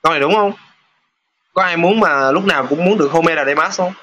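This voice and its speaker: A man teaching a casual lesson over test questions, chatty, pausing with filler sounds and reading example sentences aloud slowly. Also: a little high, sharp tone, slight background noise. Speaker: Japanese teacher.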